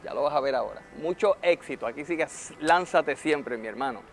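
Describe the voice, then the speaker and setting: A man giving motivational advice in a vlog, warmly encouraging the viewer and calling them friend. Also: on the high side, lively intonation, fairly quick. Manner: acts out nervous beginners' voices in quotes. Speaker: network marketing motivational speaker. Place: hotel, ends showing a rooftop view.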